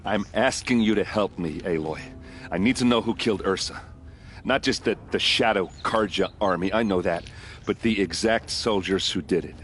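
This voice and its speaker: An actor playing a grieving soldier in a video game, speaking in a blunt and insistent way. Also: male voice, sits low, normal speed, fairly bright tone, a little hiss or hum. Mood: insistent, aggrieved. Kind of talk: video game dialogue acting.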